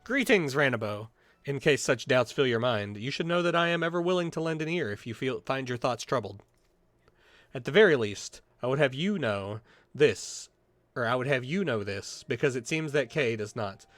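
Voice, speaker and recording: A man's voice: mid-range voice, expressive, normal speed, a bit bright, no room sound, lightly acted. Man reading as a formal courteous guild officer. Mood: earnest. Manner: archaic formal diction, read aloud.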